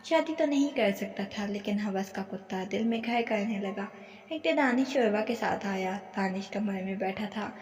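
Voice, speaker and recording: A woman storyteller reading a story aloud with a plain, steady delivery. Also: mid-range voice. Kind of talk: scripted story narration. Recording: echoey room with long reverb.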